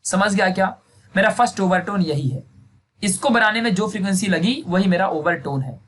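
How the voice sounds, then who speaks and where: A man's voice: sits high, animated, normal speed. A young man teaching a physics lesson, talking in a chatty way and often checking that students follow. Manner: chatty, repeats checks like "samajh gaya?". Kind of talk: Hindi classroom video lesson. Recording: faint background noise.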